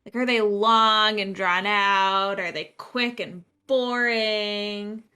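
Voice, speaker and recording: A woman's voice: mid-range voice, fairly even intonation, takes it slowly, pushed and bright, smooth. A woman chatting casually and playfully as a player in a tabletop game, with a theatrical streak. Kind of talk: casual game table chat with in-character speech.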